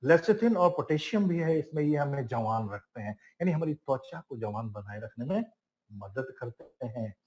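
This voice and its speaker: A man's voice: medium pitch, animated, moderate pace, darkish tone, rough recording. A man giving a product training class, emphatic and listing items one by one, calling his listeners friends and asking them questions. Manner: emphatic, lists items one by one with rising stress.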